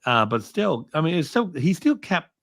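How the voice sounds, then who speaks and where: A man's voice: a little high, big pitch swings, normal speed, a bit bright, no echo. A man from Hong Kong, a guest in an interview, telling a story casually with lots of fillers and restarts. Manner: rambling with many fillers and restarts. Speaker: interview guest, film commentator.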